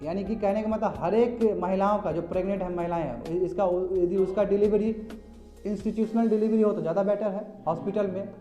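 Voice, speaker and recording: A teacher with a high, warm voice and a steady tone lectures fairly quickly, chatting with his class, calling on students and weaving in English terms. It's recorded in a reverberant, slightly dull classroom with faint music in the background.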